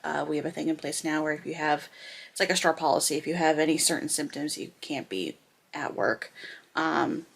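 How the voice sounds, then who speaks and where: A woman's voice: low voice, brisk, vocal fry, husky, poor audio. Rambling woman vlogging at home. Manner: rambling, filler-heavy talk. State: slightly dry, scratchy throat. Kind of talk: casual vlog chat. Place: at home indoors. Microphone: compact vlogging camera's built-in mic.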